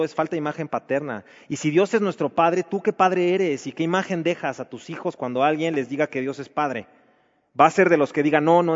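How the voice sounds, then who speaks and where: A man preaching a sermon to married men, asking rhetorical questions in a conversational way. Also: a little high. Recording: dull reverberant hall recording.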